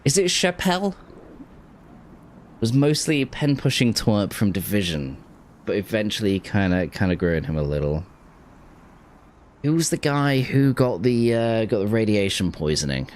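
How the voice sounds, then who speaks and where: A man's voice: fairly low pitch, sing-song, normal speed, pauses often. A man chatting casually while streaming a game, rambling and restarting his sentences. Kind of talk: casual gameplay chat with chat.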